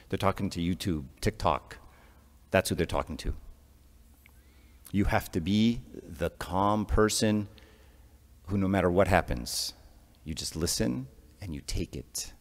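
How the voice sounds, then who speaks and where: A man's voice: low voice, normal speed. A man, an archdeacon, preaching a conversational sermon to a congregation, often checking in with "right?". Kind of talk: sermon to a parish audience. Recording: long hall reverb.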